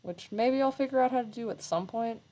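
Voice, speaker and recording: Talking fairly quickly with a warm tone, a woman rambles and pokes fun at herself during a live sewing stream, slipping into slight vocal fry at lower moments. Her desk microphone gives a muffled recording.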